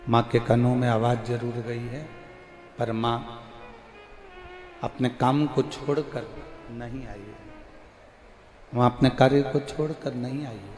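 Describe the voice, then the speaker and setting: A man preaching a devotional sermon, slowly repeating his lines for emphasis, with a verse chanted now and then. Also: mid-range voice, a little mellow. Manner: slow, repetitive, emphatic preaching. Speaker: preacher of religious discourse. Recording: echoey hall with faint music.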